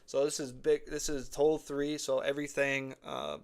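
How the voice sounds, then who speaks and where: Guy rambling over crypto charts, keeps going okay, right, kinda monotone, voice a bit cracked. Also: mid-range voice, normal speed, clear, resonant tone. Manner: rambling, repeats phrases, says okay and right often. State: slightly cracked voice. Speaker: crypto chart analyst host. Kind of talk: casual live chart commentary.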